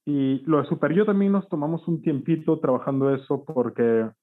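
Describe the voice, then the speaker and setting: A man, working as a mixing engineer, recalls his projects in a relaxed, slangy way and often ends his points with a question tag. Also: fairly high pitch, moderate pace. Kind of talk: casual recollection. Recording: tinny phone-like line.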